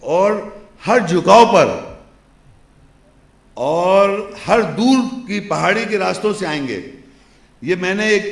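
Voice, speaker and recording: A man with a high, gravelly voice delivers a religious lecture, firing rhetorical questions at his listeners. He chants verses before explaining them in plain, forceful speech. The sound rings in an echoey room. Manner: emphatic, poses rhetorical questions to the audience. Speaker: Islamic lecturer.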